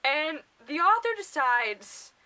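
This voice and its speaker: A woman's voice: sits high, sing-song, slow, pushed and bright, rough recording. A young woman casually reviewing books for her vlog, chatty and full of filler words, often breaking into laughter. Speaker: book vlogger.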